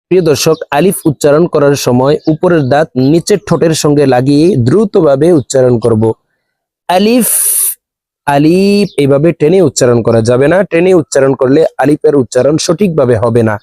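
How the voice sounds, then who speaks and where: A dry-voiced man teaching letters slowly. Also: a little high, dark tone, no room sound. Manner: repeats letters slowly for listeners to copy. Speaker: Quran teacher. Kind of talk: recorded lesson, teaching letter pronunciation.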